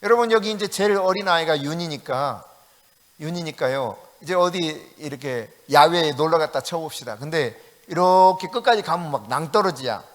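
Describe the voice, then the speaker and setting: Lively bright-voiced Korean pastor preaching in a hall. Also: male voice, on the high side, normal speed. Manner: animated preaching, acts out prayers and quoted speech with rising emphasis; laughs often while preaching. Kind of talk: sermon at a Thursday evening prayer meeting.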